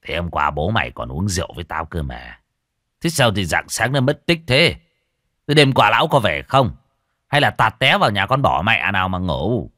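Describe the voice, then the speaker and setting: A man's voice: low-pitched, very animated, moderate pace, sharp tone, no room sound, clean studio sound, exaggerated voice. A man voicing a crude, grumbling old exorcist. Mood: gruff. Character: old male village exorcist, gruff and greedy.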